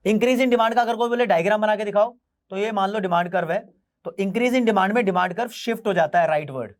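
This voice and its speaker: A man teaching an online economics class, repeating key English terms slowly for his students. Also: high voice. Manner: mixes Hindi with English terms.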